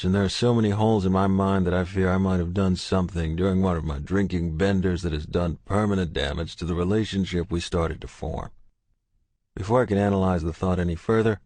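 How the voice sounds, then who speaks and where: Deep gruff male audiobook narrator. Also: darkish tone, no echo. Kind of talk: first-person romance audiobook narration.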